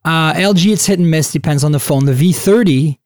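A man hosting a casual tech podcast, talking in an animated, chatty way with lots of fillers and restarts. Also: fairly high pitch, a little fast, no echo, clean studio sound. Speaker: podcast host.

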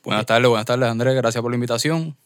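A Puerto Rican man in his twenties, a podcast guest in a small studio, answering calmly and matter-of-factly. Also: mid-range voice, quick pace, clear, resonant tone, no room sound. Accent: Puerto Rican Spanish. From Carolina, Puerto Rico. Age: 20s. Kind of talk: casual interview chat.

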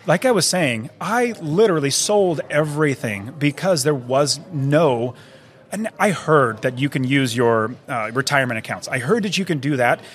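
A man's voice: medium pitch, expressive, moderate pace. A man hosting a podcast, talking enthusiastically and rambling a little, peppering his speech with "like" and "literally", recorded on a conference floor. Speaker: podcast host. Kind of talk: conversational interview.

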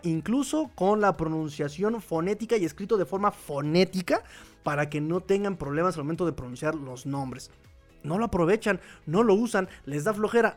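A Mexican man hosting a live podcast, reading chat comments and giving opinions in a chatty, laughing way. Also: sits high. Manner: chatty, opinionated, laughs often, repeats phrases. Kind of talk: casual live-stream commentary.

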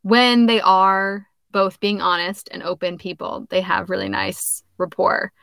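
Young woman, podcast co-host, chatty book talk, lots of fillers, slight vocal fry, dry close sound. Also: mid-range voice, flat delivery, a little slow, a bit bright, no echo. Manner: chatty, many "like" fillers, laughs often. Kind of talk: casual book discussion.

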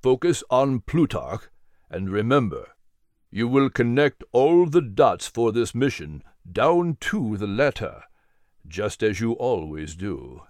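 A man reading a storybook, voicing a solemn male mentor who speaks in measured, cryptic pronouncements. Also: mid-range voice, sing-song, a little mellow, no echo, clean studio sound, voice pushed down. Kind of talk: storybook character voice.

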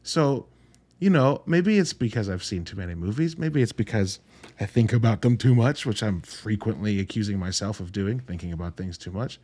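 A podcast host reviews films solo in a casual, conversational way, blunt and casually profane, with rhetorical asides. His voice sits fairly low, with a darkish tone and a breathy edge.

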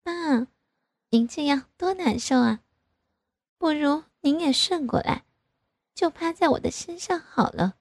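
A woman doing a coy, wheedling young mother, lifted high. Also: animated, a little slow, pauses often, dry recording. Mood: coaxing. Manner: coy, wheedling, sing-song.

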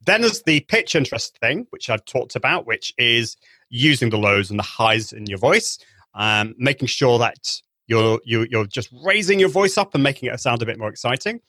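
A man's voice: mid-range voice, lively intonation, normal speed, bright, forceful tone, dry recording. A man giving an interview as a live video trainer, explaining enthusiastically with many restarts, with a trained singer's voice. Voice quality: trained singing voice. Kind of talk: interview over a call.

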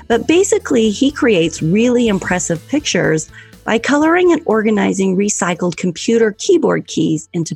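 A podcast host with a medium-pitched, creaky, slightly rough voice reads a bright introduction. She then interviews her guest enthusiastically, offering warm praise and laughing along the way.

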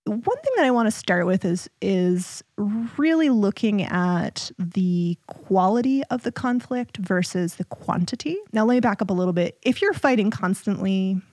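A woman co-hosting a podcast, explaining relationship signs in a clear, steady, explanatory way. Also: medium pitch, moderate pace, hardly any pauses, no echo. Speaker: podcast co-host. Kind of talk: casual relationship chat.

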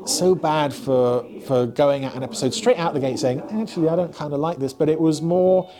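A man's voice: fairly high pitch, a little fast, a crowd in the background. A man hosting a casual episode commentary in a wry, musing way. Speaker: host.

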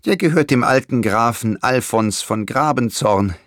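A man voicing a kindly, caring older grandmother in a storybook reading, gentle and sighing. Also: medium pitch, measured pace, no room sound, studio quality, pitched above the performer's own voice, close to an everyday voice. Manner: gentle, warm-hearted, sometimes sighing.

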